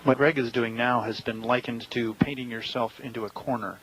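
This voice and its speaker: A man giving live, unscripted technical commentary in a halting, explanatory way. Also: mid-range voice, fairly even intonation, a bit bright, poor audio. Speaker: launch commentator. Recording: clear background ambient noise.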